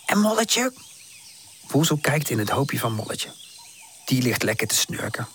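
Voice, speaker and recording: A woman reading a children's storybook aloud with gentle, expressive narration. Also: rumbling low, normal speed, a little hiss or hum. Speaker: audiobook narrator.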